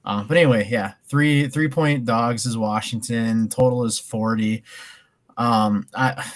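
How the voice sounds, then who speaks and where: A man's voice: mid-range voice, steady tone, measured pace. A man co-hosting a casual sports betting chat, rambling with frequent ums and restarts. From American Midwest. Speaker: podcast co-host.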